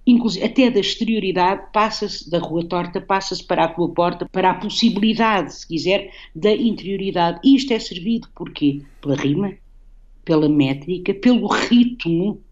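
A woman's voice: fairly low pitch, normal speed, a little mellow, highs cut off. A woman with a European Portuguese accent, a guest poet in a radio conversation, explaining a poem reflectively and often ending phrases with a tag question. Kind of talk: radio conversation about poetry.

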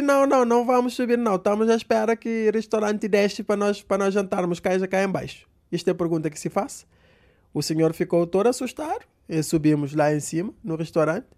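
A man telling a funny personal story in a mock-exasperated, animated way. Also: high-pitched. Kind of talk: comic storytelling.

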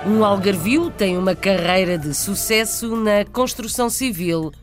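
A woman's voice: medium pitch, unhurried, over loud music. A woman presenting a news magazine with scripted narration.

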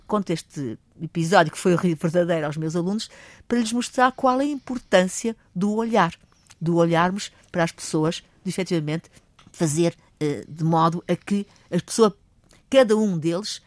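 Older Portuguese woman, low and dry. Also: no room sound. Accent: European Portuguese. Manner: hesitant, animated storyteller. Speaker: language professor, guest. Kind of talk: radio conversation.

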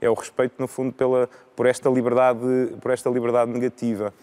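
A man in his thirties with a European Portuguese accent, speaking as a guest in a live panel debate, measured and often restarting his sentences. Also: medium pitch, completely flat delivery, a little mellow. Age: 30s. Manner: measured, with frequent repetitions and restarts. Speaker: law lecturer and debate guest.

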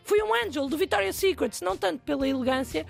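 A young woman with a European Portuguese accent telling a self-mocking comic story in a lively, animated way. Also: high voice, quick pace, gravelly, soft background music. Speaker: guest storyteller. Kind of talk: comic anecdote, casual chat.

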